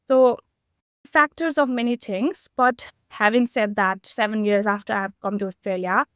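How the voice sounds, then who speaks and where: Earnest young woman from Nepal, smooth voice. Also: medium pitch, steady tone, normal speed, fairly bright tone, no room sound, studio quality. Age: 20s. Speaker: guest. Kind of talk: conversational interview answers.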